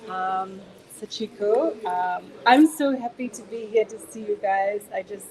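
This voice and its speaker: A woman's voice: mid-range voice, a little slow, darkish tone, rough recording. A woman introducing herself at a workshop, gushing and tearful as she talks. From New Zealand. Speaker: workshop participant. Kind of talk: emotional introduction.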